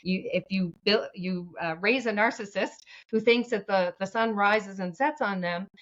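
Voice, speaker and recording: A woman's voice: mid-range voice, normal speed. Earnest woman on a dull-sounding call. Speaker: guest. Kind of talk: casual interview chat. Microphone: video call.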